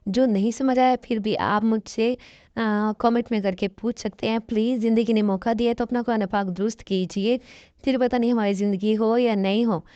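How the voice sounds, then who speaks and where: A woman with an Urdu accent teaching tajweed online, spelling out letters slowly and then patiently explaining the reading rules. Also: fairly high pitch, steady tone, warm tone, no echo, dull audio. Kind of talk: online tajweed lesson, slow spelled-out recitation.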